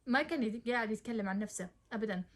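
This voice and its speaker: A woman's voice: on the high side, racing. Brief: young woman, chatty advice vlogger, talks straight to the viewer and mixes in English words. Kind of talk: casual advice talk to camera.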